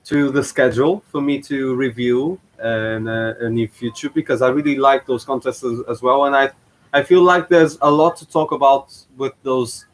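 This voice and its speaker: On his channel, a man offers loose reaction commentary about a past contest, stumbling through fillers and restarts. He speaks at medium pitch and a moderate pace with fairly even intonation, captured in a rough recording.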